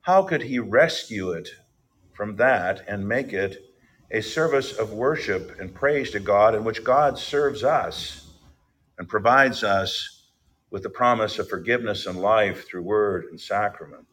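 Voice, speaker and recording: A man's voice: lowish voice, measured pace, a bit bright, slightly rough. A middle-aged male pastor giving a sermon, reading scripture with emphasis and then explaining it in a plainer tone.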